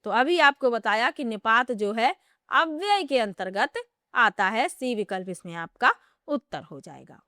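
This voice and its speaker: A woman teacher with a high, bright voice takes her students through a grammar lesson for an exam. She explains each point step by step and keeps asking rhetorical questions, which she then answers herself. The recording is dry and close, with no room echo. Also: lively intonation, a little slow.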